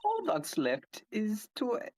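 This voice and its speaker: A woman's voice: medium pitch, wildly swooping pitch, slow pace, a little mellow, exaggerated voice. A woman voicing a haughty, arrogant young female prosecutor, speaking in an imperious and mocking way while reading a game aloud with voices.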